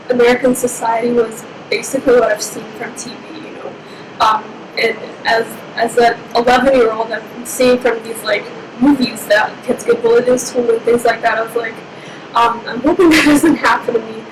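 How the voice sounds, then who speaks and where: Give me a reflective young woman from Egypt being interviewed, her voice high and flat, over clear background noise. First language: Somali. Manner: reflective, unhurried storytelling. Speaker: interviewee, university student. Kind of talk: personal interview. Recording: echoey room with steady background noise.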